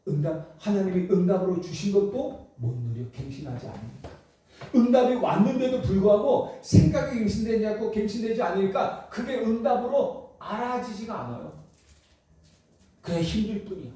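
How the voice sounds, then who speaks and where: A male pastor delivers an emphatic sermon and keeps putting questions to his listeners. His voice sits high but sounds mellow and dark. It comes from a distance and echoes through a large church hall. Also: animated, normal speed. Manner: emphatic, many rhetorical questions to the congregation. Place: church sanctuary.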